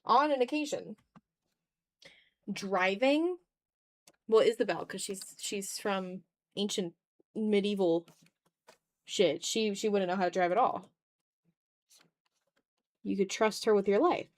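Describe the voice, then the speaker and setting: Slow and medium-pitched, with long pauses, a woman chats informally during her art livestream. As she draws, she frequently mumbles to herself.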